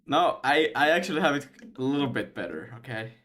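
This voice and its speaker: A man's voice: mid-range voice, very animated, fairly quick, crowd noise. Swedish-accented man thinking aloud while coding. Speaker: programmer hosting a coding video. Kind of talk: casual coding chat.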